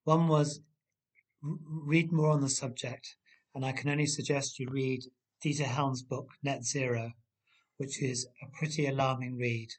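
A man's voice: medium pitch, steady tone, a little slow. A man with an English accent speaking as a podcast guest, indignant and emphatic. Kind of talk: passionate discussion.

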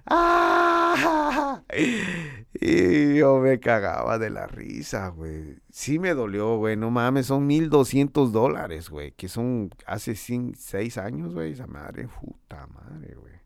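A man's voice: mid-range voice, creaky, darkish tone, no echo, clean studio sound. A man delivering a casual, profane monologue. He talks in slang, swears freely, jokes and boasts, and laughs often. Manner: boastful and joking.

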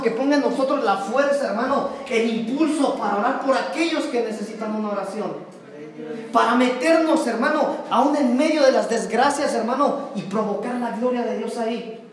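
A man preaching a fervent sermon in a church, calling his listeners "brother" again and again. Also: very high voice. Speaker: pastor. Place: church sanctuary. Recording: roomy church echo.

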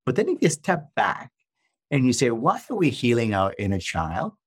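A Malaysian man in his fifties, a guest author and coach, explains things earnestly in a podcast interview, often posing rhetorical questions. His medium-pitched voice swings hugely in pitch and is slightly rough, at a normal speed. The studio-quality recording has no echo.

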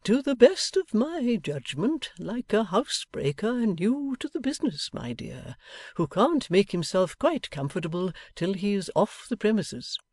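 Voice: medium pitch, big pitch swings, unhurried, a little mellow, no echo, studio quality, pitched above the performer's own voice. A reader voicing a mild, fond middle-aged father who speaks tenderly to his daughter. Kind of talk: audiobook character voice.

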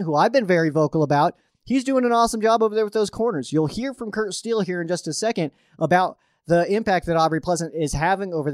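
Here a man hosting a sports podcast speaks in a high-pitched voice with a darkish tone. He previews the game casually as an open fan of the team, with frequent fillers and restarts, recorded in studio quality with no room sound.

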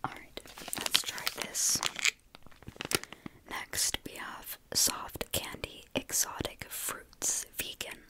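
A young woman whispering softly in a chatty ASMR snack-tasting video, with eating sounds between her words. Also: slow, poor audio. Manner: chatty, says like and you know often.

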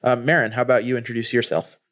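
Male podcast host, mid pitch, casual, guides the talk. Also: flat delivery, fast talker, fairly bright tone. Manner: friendly, leads the talk.

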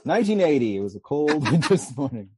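A man's voice: a little high, big pitch swings, a little fast, a little mellow, slight background noise. A man in his forties from England with a mostly Canadian accent, talking in a chatty, rambling way as a guest author on a podcast. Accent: Canadian, with faint Mancunian traces. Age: 40s. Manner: chatty, rambling, with frequent restarts and laughs. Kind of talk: casual podcast interview.

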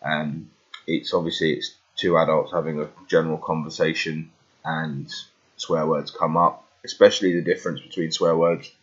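A British man with a very deep voice hosts a podcast in a casual way. He speaks haltingly, doubling back on phrases. The recording is slightly dull and lo-fi. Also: steady tone. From United Kingdom. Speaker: podcast host.

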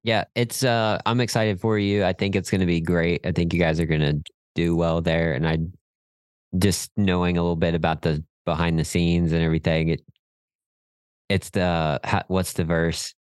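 A middle-aged man chats casually as a podcast co-host. He sounds encouraging and chuckles easily. His voice is very deep, and the recording is dry and close. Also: level tone, normal speed, clean tone, no echo. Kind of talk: casual chat.

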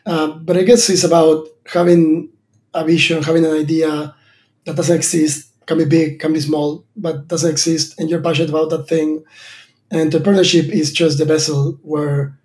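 Thoughtful but full of fillers and false starts, an Argentine man in his thirties responds to interview questions about his startup. He has a slightly high, somewhat mellow voice.

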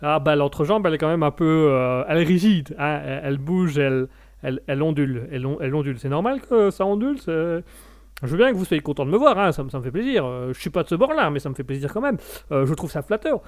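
A man's voice: fairly high pitch, expressive, quick pace, lightly acted. A man voicing an awkward male border customs officer, stammering and politely embarrassed.

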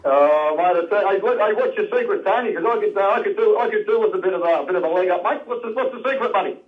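Blokey, fast-talking Aussie tradesman type, high-pitched. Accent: Australian. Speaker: phone-in guest, betting syndicate organiser. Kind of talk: casual joking chat. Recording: dull lo-fi radio-like phone line.

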